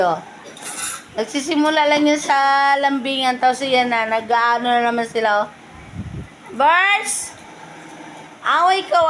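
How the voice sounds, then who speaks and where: High-voiced woman cooing to her pets. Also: a bit bright, a little hiss or hum, poor audio. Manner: coos and calls to her pets. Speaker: pet vlogger. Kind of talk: casual pet vlog.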